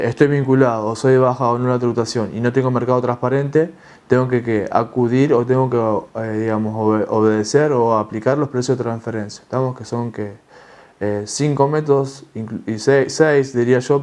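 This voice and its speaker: A man giving a tax lecture, talking in a halting way with many fillers and restarts. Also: mid-range voice, fairly even intonation, darkish tone. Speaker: tax instructor.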